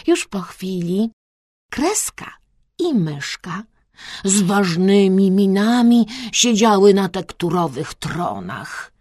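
Woman, children's storybook reader, very slow, lively melody, dry close sound. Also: mid-range voice, no echo. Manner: slow and expressive. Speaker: audiobook reader.

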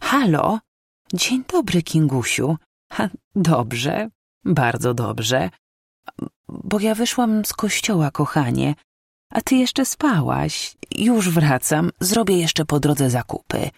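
A reader voicing an elderly woman, a gentle grandmother talking softly and fondly on the phone. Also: medium pitch, sing-song, takes it slowly, creaky, husky, no room sound, studio quality, heavily acted. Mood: tender. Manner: soft, affectionate phone talk.

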